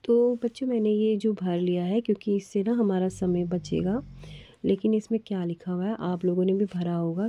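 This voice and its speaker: A woman's voice: medium pitch, dark tone. A woman teacher patiently explaining a worksheet to children, spelling out sounds and repeating words. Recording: slightly dull, lo-fi audio.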